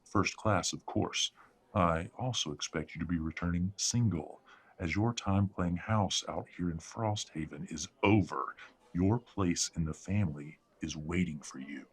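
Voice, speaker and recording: A man performs an imperious, rich werewolf father in an audio drama, coldly polite and middle-aged, speaking with formal condescension as he dominates his family. The scripted delivery is controlling and patronizing, in a deep, slightly rough, exaggerated voice at an unhurried pace.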